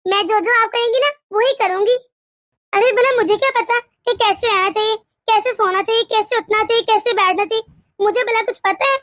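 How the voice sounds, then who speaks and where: A woman voicing a sly, defiant young daughter-in-law in an animated cartoon, insistent and sweetly mocking. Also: very high-pitched, no room sound, clean studio sound.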